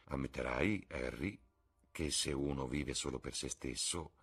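A man with a husky voice reading a serious, troubled painter who speaks gravely. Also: very deep voice, measured pace, a bit bright, soft background music, exaggerated voice.

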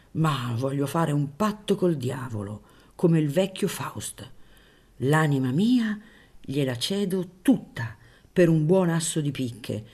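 A woman's voice: deep voice, warm tone. A woman reading aloud voices a reckless, ruined baron who gambles and mocks his luck in exclamations. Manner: exclaiming, mocking, theatrical.

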